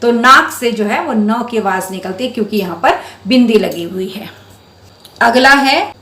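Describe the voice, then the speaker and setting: Woman teacher sounding out words slowly. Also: on the high side, a bit bright, reverberant. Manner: drawn-out syllables for sounding out words; patient and encouraging. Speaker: primary school Hindi teacher. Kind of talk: slow, clear teaching to young children.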